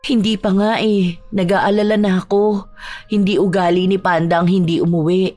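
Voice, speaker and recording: A worried young woman fretting over her lost cat, anxious and pleading, as a woman puts her on. Her voice sits at an ordinary middle pitch, with soft music under the storytelling. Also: fairly even intonation, normal speed, dry recording, natural voice. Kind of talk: dramatized storytelling.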